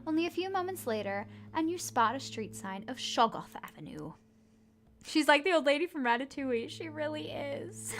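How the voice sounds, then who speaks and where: High-voiced woman streaming a game. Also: animated, moderate pace, fairly bright tone. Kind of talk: live game playthrough, reading text aloud with casual commentary.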